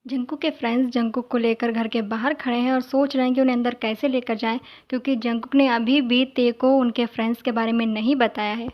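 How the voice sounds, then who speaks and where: A woman's voice: a little high, fairly even intonation, fairly quick, few pauses. A woman narrating a fan-dubbed story in a plain, explanatory way. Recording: dull, lo-fi sound.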